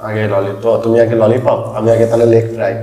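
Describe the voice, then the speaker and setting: A man's voice: lowish voice, little pitch movement, fast talker, mellow. A man chatting casually to viewers as co-host of an eating video, recorded in a bare, echoing room at home. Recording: strong room echo, noisy, reverberant bare room.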